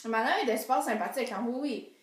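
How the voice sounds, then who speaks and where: Young woman, high bright pitch, very animated comic monologue, hushed asides to excited cries, echoey room. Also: quick pace, recorded from a distance. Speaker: storyteller. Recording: roomy echo.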